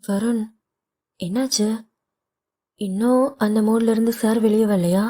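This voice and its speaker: A woman's voice: on the high side, steady tone, a little slow, mellow. A woman voicing a young pregnant wife who is playful, coaxing and caring, in a read audio novel. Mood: teasing.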